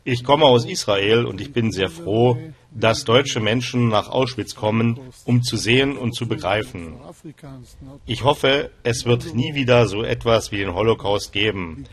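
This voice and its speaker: A man reads a translated voice-over in a calm, plain manner. His pitch is an ordinary middle range for a man. The read is steady and unadorned. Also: a little slow.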